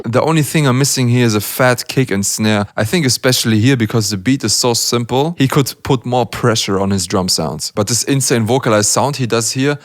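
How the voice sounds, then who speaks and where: A man's voice: mid-range voice, brisk, hardly any pauses. A young man hosting his channel, reviewing beatbox rounds in casual, gushing commentary, often laughing and trying out the sounds himself. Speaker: beatbox analyst and channel host. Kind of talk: enthusiastic reaction commentary.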